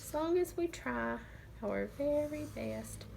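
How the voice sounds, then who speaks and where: A young woman teaching kindergarten phonics, sounding out letters slowly and praising the children. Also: high voice, lively intonation, creaky, darkish tone, a little hiss or hum. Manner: slow, encouraging, sounds out letters.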